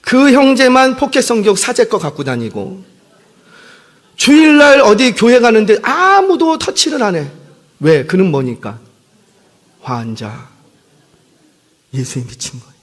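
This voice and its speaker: A man's voice: high voice, a little slow, pauses often. A pastor in his fifties preaching a sermon in a church. He talks in a conversational way, tells stories with energy and often stops to apologize. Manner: conversational, animated storytelling with self-deprecating apologies. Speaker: senior pastor. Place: church sanctuary. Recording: long hall reverb.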